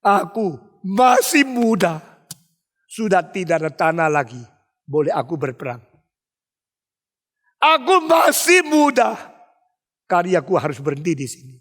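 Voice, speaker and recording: A proud young emperor voiced by a preacher, his high voice climbing as he presses question after question. The sound rings with a long reverb, as if spoken in a big hall. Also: moderate pace, close to an everyday voice. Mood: lamenting. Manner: rising, insistent questions. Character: young conquering emperor, proud then weeping.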